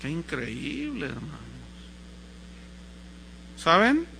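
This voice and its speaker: A man with a Mexican accent preaching a sermon, telling a story in a lively way and acting out the voices. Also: on the high side, very slow, vocal fry, background noise. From Mexico, Guadalajara. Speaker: pastor.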